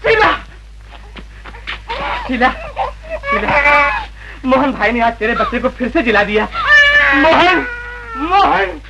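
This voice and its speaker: An actor playing a guilt-ridden husband who turns rebel, in theatrical 1940s film acting. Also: male voice, very high voice, big pitch swings, slow, vocal fry, long pauses, full character voice. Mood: overwhelmed. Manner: emotional, theatrical. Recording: noisy old film soundtrack.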